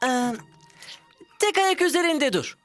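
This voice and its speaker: A woman's voice: sits high, very animated, no room sound, full character voice. Jack Frost, woman voicing a clever frost boy. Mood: coaxing. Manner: quick-witted, coaxing instructions. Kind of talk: Turkish cartoon dub. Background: music.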